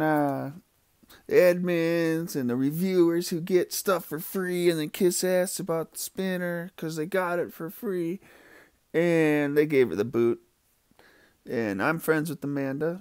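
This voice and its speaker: A man's voice: mid-range voice, creaky, a little mellow, no echo. A man chatting casually in a rambling, gossipy, profane way full of fillers, as he reviews fidget spinners. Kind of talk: casual rambling vlog chat.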